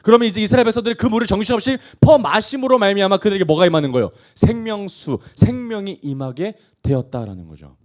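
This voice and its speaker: Lively, fast-talking male pastor preaching. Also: high-pitched. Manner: animated preaching, asks the congregation questions, acts out quoted voices. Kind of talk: sermon.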